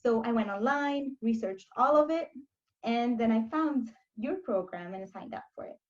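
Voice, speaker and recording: Speaking over a video call, a young life coach from Lebanon candidly recounts her own story in an interview conversation. Her fairly high, animated voice comes through with the upper frequencies cut off, and her storytelling is dotted with brief side remarks.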